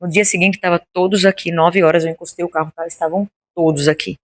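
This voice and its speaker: A woman with a lowish voice speaks quickly as an interview guest, the founder of a women's Bible study, discussing her project. She tells a story casually and animatedly, acting out its dialogue.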